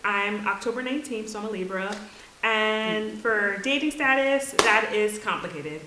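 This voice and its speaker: A woman in her thirties, a roundtable guest, giving relaxed opinions with frequent "like". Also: medium pitch, normal speed. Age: 30s. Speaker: panel guest. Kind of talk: casual roundtable chat. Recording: echoey room with faint hiss.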